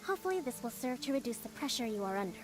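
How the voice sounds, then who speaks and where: A woman's voice: fairly high pitch, very animated, racing. A woman voicing a composed young priestess who leads a resistance in a video game, speaking politely and formally. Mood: gentle, grateful.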